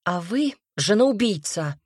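A woman's voice: mid-range voice, big pitch swings, slow pace, a little mellow, breathy edge, no echo, heavily acted. A woman voicing a proud young noblewoman mage who answers with dry, caustic retorts.

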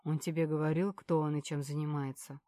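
A woman voicing a calm, menacing male security man who interrogates a captive in an audiobook, measured and cold. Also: low-pitched, dry recording, voice pushed down, natural voice.

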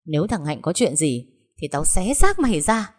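A woman voicing a hot-tempered peasant woman, an older sister who shouts coarse threats. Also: mid-range voice, lively intonation, brisk, lightly acted. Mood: enraged.

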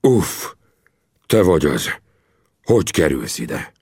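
A man's voice: extremely low pitch, sing-song, breathy edge, no room sound, studio quality, full character voice. A man voicing a furious old Native chief. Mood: startled anger. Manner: stammering, then shouting in rage.

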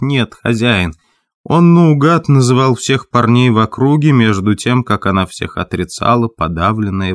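Man, audiobook narrator, low voice, dry close sound, faint music behind. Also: no room sound. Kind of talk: scripted narration.

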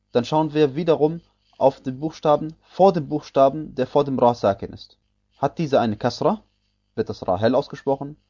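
A man's voice: medium pitch, warm tone. Methodical male tajweed teacher, dull audio. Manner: slow, methodical explanation with repeated spoken examples. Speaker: Quran recitation teacher. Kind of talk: recorded tajweed lesson.

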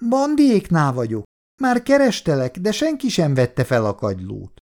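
A man's voice: a little high, wildly swooping pitch, a little mellow, voice pushed up. A man reading aloud and voicing an anxious, complaining elderly grandmother. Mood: alarmed. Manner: fretful, complaining.

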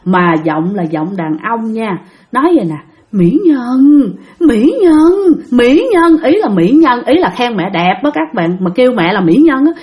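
A woman's voice: medium pitch, big pitch swings, normal speed. A young woman telling a ghost story in a chatty way, talking straight to her listeners. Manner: chatty, addresses listeners directly.

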